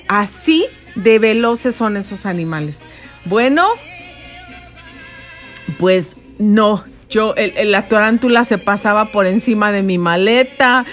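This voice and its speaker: A middle-aged woman from Mexico telling a personal story, animated and dramatic with many exclamations. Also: on the high side. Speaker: podcast host.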